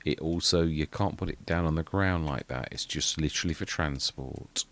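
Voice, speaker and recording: A gaming channel host offers rambling, offhand commentary on a farming game, frequently correcting himself and muttering under his breath. He's a man with a very deep, quiet voice and a moderate pace.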